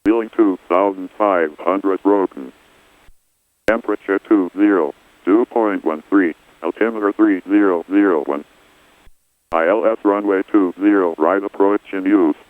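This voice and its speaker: A deep male voice reads out an airport weather broadcast in a measured, even recitation. It comes through a thin, tinny aircraft radio with a very dry sound. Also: dry recording. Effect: airport weather broadcast heard over aircraft radio. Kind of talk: recorded airport information readout.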